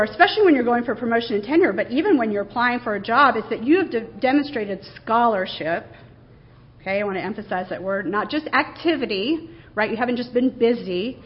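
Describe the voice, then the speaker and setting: A woman's voice: fairly high pitch, highs cut off. A woman, a university administrator, giving a conversational presentation to faculty, earnest and emphatic as she stresses key words.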